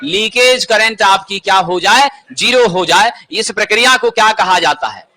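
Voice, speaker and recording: A man's voice: sits high, normal speed, sharp tone. A man teaching an exam-prep lesson, asking questions and answering them himself.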